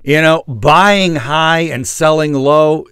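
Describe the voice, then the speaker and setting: A man's voice: on the high side, slow, fairly bright tone, smooth, no echo, studio quality. A man voicing a mean, mocking pumpkin character with a sneering, insulting manner, for a comic gadget. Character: mean, mocking, foul-mouthed male pumpkin in a mirror.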